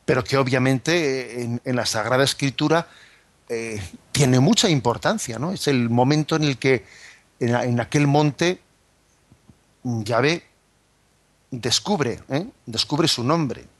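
A man's voice: medium pitch, takes it slowly, no echo. Man, catechism teacher, reflective, frequent tag questions, dry close recording. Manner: thoughtful, many tag questions and fillers. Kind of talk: explanatory religious teaching.

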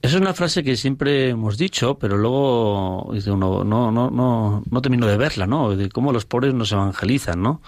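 A parish priest telling stories in an interview, earnest and full of pauses, acting out the people he quotes. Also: mid-range voice, dry recording. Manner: earnest, pauses often, acts out dialogue with rising voice. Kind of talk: reflective storytelling in an interview.

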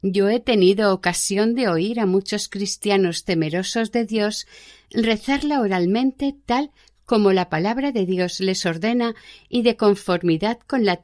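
Woman reading a gentle old monk teaching, slow and measured, like a read-aloud book. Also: mid-range voice, natural voice.

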